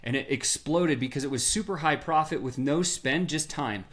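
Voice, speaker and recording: A middle-aged man, a podcast guest, telling his business story in a lively way and acting out the quotes. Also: fairly high pitch, moderate pace.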